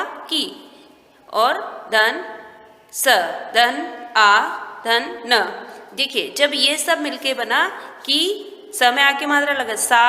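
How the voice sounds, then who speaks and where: A woman teaches young children in a high, bright voice. She goes slowly and clearly, one word at a time. The sound rings in a roomy, echoing space. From India. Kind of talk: primary school lesson. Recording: echoey room with long reverb.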